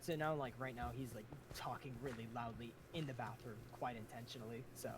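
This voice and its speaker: A woman's voice: a bass voice, fairly even intonation, a little fast, noisy background. A young adult woman streaming from home on a desk mic, chatting in a rambling, laughing way. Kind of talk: casual stream chat. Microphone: desk condenser mic.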